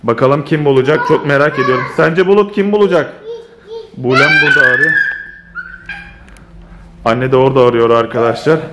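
A man making a casual family vlog at home, excitable and playful, constantly turning to talk to his viewers. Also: medium pitch, fairly quick, long pauses, very noisy. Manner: excitable, keeps addressing viewers as friends. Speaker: family vlogger.

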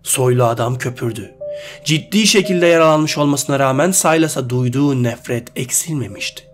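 A man reading a short fantasy story aloud in a steady, measured way. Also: mid-range voice, faint music behind.

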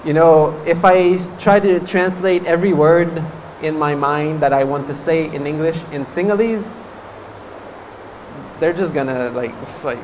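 Here a Buddhist monk in his thirties talks casually at a meditation course, giving a dharma talk and laughing often between fillers; French is his first language and he is from French-speaking Canada. His voice is fairly high with a darkish tone and a measured pace, captured in a low-quality recording with slight background noise. He sits before a banner in a meditation hall, gesturing with his hands, a stand mic set in front of him.

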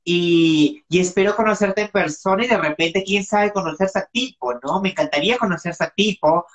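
A woman's voice: lowish voice, moderate pace. A woman hosting a casual live-stream interview over a video call, giggly and teasing, with dramatic exclamations. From Peru. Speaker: host.

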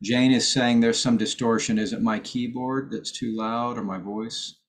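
A man's voice: mid-range voice, steady tone, moderate pace. A man leading a choir's voice lesson over a video call, explaining technique patiently and stopping to sing examples. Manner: patient, explanatory, with sung demonstrations. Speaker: choir director and voice teacher. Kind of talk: online rehearsal vocal instruction.

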